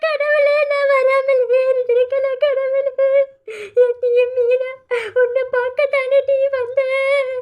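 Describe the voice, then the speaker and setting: A woman's voice: very high voice, flat delivery, slow pace, darkish tone. A woman voicing bickering, easily frightened young village women in a cartoon, with a Kanyakumari Tamil accent. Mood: panicked. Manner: squabbling, shrieking.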